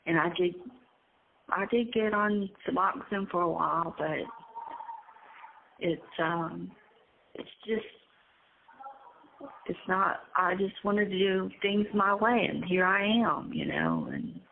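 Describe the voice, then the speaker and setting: A nervous woman hesitantly telling her own story as an interviewee, pausing often with ums. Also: lowish voice, lively intonation, gravelly, slight background noise. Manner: hesitant, halting, with frequent ums. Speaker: incarcerated interviewee. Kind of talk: casual conversational storytelling. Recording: tinny phone line.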